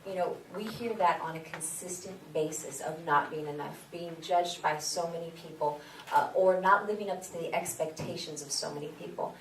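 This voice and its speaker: A woman's voice: low-pitched, normal speed. Woman, motivational faith speaker, earnest and repetitive, noisy room, distant mic. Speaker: speaker at a youth leadership forum. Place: event hall. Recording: echoey hall, mic from afar, background noise.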